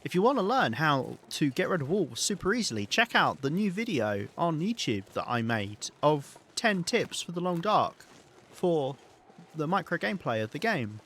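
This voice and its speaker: A man's voice: fairly high pitch, big pitch swings, moderate pace, a bit bright, husky. Wry southern English man streaming a game. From south of England. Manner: chatty and wry, swears, laughs often. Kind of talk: casual live gameplay commentary.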